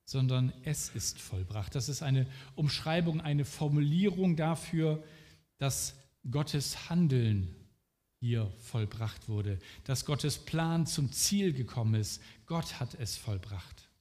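A man's voice: mid-range voice, slow pace, dark tone, long reverb tail. A man preaching a sermon in an earnest way, speaking directly to the listener.

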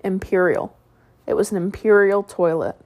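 A woman's voice: medium pitch, lively intonation, normal speed, darkish tone. A woman narrating a sleep story, reading an article aloud in a soothing bedtime style.

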